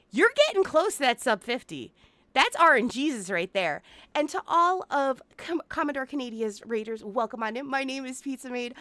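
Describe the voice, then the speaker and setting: A woman streams a game and chats casually with her viewers in a bubbly, playful way. Her voice is fairly high and fairly bright, with no echo, though congestion makes her sound nasal and sniffly.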